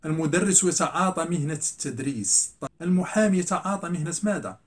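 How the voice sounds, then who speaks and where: Middle-aged guy teaching grammar in class, highish voice, keeps asking then answering himself. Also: a little mellow. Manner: repeats words slowly, asks and answers his own questions. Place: classroom with a blackboard.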